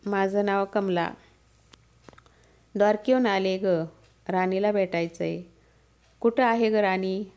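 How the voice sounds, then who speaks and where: A woman's voice: mid-range voice, steady tone, slow pace, long pauses, a little mellow, clear, resonant tone. Woman voicing a bitter scolding old woman. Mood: pleading. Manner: scolding, indignant. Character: angry poor old woman, proud and bitter.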